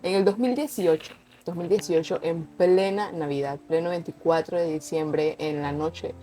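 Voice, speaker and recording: A young vlogger shares her personal testimony unscripted and conversationally, earnest and repeating words for emphasis. Her deep, mellow voice holds a steady tone at a moderate pace, with faint music in the background.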